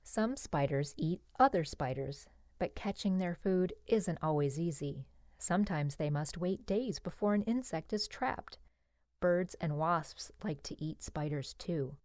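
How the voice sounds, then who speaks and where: A woman reads an educational children's book aloud in a fairly low, darkish voice, animated but a little slow. Her phrasing is simple and clear. The recording is completely dry, with no room sound.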